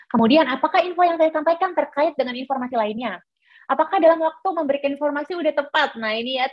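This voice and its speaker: A woman's voice: a little high, no echo, highs cut off. A woman giving an explanatory workshop lecture to teachers, often saying filler words between points. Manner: explanatory, many fillers like "nah" and "gitu ya". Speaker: teacher trainer.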